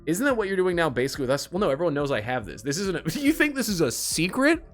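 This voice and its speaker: Animated guy streaming. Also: a little high, quick pace, faint music behind. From United States. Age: late 20s. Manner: rambling, self-mocking joking. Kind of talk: casual chat while gaming.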